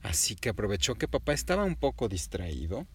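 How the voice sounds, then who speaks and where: A man telling a child an improvised bedtime story, gently and animatedly addressing the listener. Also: lowish voice, very animated, brisk, husky.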